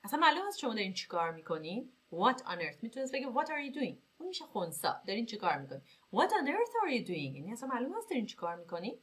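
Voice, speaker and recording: A woman teaching English vocabulary in Persian, reading example sentences slowly and clearly, then explaining them briskly. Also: a little high, sing-song, a bit bright.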